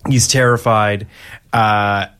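A man's voice: lowish voice, fairly even intonation, slow pace, a bit bright, smooth. A man co-hosting a podcast, recapping a film plot in casual chat, hesitant and laughing often. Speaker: podcast co-host.

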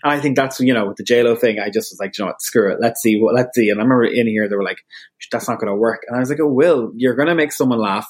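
An Irish man chatting candidly as a podcast guest, open and quick with asides. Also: mid-range voice, breathy edge. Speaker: guest, radio presenter. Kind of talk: casual podcast chat.

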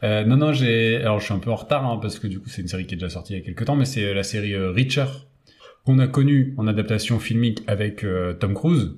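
A man's voice: fairly low pitch, quick pace, a little mellow. A man co-hosting a casual film podcast, making dry teasing quips. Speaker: podcast co-host. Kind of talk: casual chat about films.

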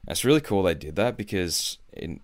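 A man's voice: deep voice, sing-song, moderate pace. A man co-hosting a casual podcast, rambling and laughing a lot, with casual swearing. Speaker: podcast co-host. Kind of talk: casual chat.

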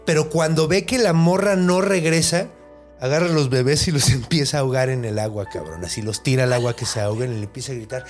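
A man with a Mexican accent telling a horror legend in casual chat, full of crude slang and with quick shifts into voices for the people he quotes. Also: medium pitch, soft background music. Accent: Mexican Spanish. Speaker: podcast host, storyteller.

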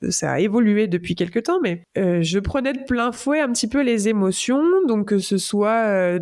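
A woman's voice: medium pitch, darkish tone. A young woman hosting a casual solo podcast, speaking with many hesitations and fillers. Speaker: podcast host.

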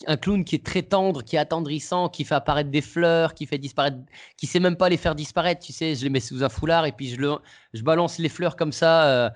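A man, a comedian, telling an anecdote in casual conversation, rambling and animated with many restarts. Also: a little high, brisk.

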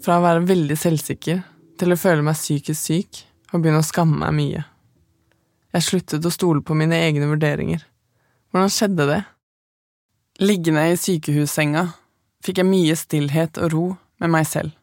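A woman, the podcast's narrator, telling her own story in calm, measured, scripted first-person narration. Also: sits low, no room sound, studio quality.

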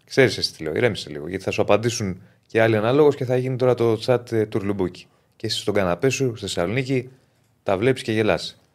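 A man's voice: lowish voice, darkish tone. Man firmly telling off a chat viewer. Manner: firm, lecturing, repeats himself. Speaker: host moderating chat. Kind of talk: casual podcast chat.

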